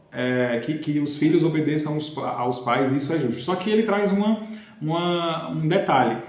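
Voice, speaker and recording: A man's voice: a little high, a little mellow. A man reads a Bible passage and explains it with casual asides. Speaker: Bible teacher. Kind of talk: reading and explaining scripture. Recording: very echoey room.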